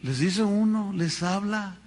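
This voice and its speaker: A man's voice: high-pitched, slow. A man preaching a sermon as pastor, telling stories with humor and acting out other people's voices. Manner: animated storytelling with humor and acted-out voices.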